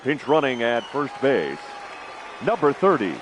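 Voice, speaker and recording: A man's voice: mid-range voice, sing-song, unhurried. A man voicing a formal stadium announcer over a PA system, stretching out player names. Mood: announcing. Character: booming male ballpark announcer, formal and drawn-out. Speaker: stadium public-address announcer in a baseball video game. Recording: stadium PA over crowd and game noise.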